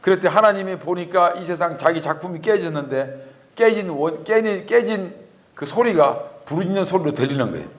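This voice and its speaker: A man's voice: lively intonation, a little fast. A man giving a conversational Sunday sermon in church, acting out the voices he quotes. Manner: conversational, acts out quoted voices with rising pitch. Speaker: lay preacher. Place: church sanctuary.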